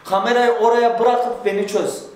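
A young man vlogging casually, complaining loudly and swearing in comic exasperation. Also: high-pitched, steady tone, normal speed. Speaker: YouTuber. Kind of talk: casual vlog chat. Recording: very echoey room.

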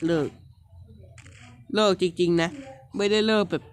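A man's voice: high-pitched, steady tone, a little slow, a little hiss or hum. A man giving casual let's-play commentary on a platform game, playful, teasing and scolding the game characters with frequent little exclamations.

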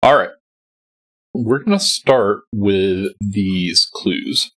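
A man with a fairly low, slightly bright, stuffy and congested voice draws out his words as he hosts a sudoku solve, recorded as voice-over on a screen capture. He walks through it step by step, patient and explanatory, thinking aloud in a calm way.

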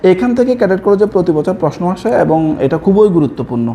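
Young guy from chittagong, chittagonian bengali accent, exam prep class, repeats answers, soft mellow voice, bit of background noise. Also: sits high, very animated, fast. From Chittagong, Bangladesh. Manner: repeats key answers, addresses students directly. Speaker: coaching teacher. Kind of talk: slide-based exam prep lesson.

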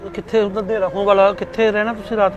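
A man acting a skit and speaking to viewers, halting and earnest. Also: high-pitched, flat delivery, lo-fi sound. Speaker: skit creator and actor. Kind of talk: scripted skit and address to viewers.

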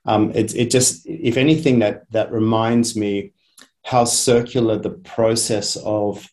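A man's voice: on the low side, flat delivery, a little slow, darkish tone. A man presenting in an online webinar, talking in a chatty way with frequent ums and restarts. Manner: chatty, hesitant with many ums. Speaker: head of a media academy. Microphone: video call.

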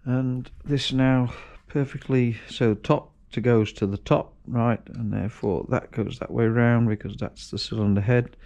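Working on an engine rebuild in a big, cluttered garage workshop, a man who vlogs about home mechanics talks it through casually, with restarts and self-corrections. His medium-pitched voice is steady, a little mellow and measured, barely pausing. Recorded on a chest-mounted action camera, the sound has its highs cut off.

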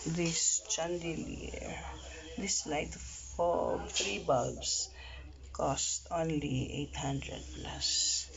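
A woman giving a slow, casual tour of her house being renovated, recorded on a phone. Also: deep voice, creaky, noisy background. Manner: slow, plain narration with fillers, teasing the workers. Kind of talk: casual home tour vlog. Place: outdoors and inside a house under construction. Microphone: phone camera held by the speaker. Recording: dull phone audio, voices around.

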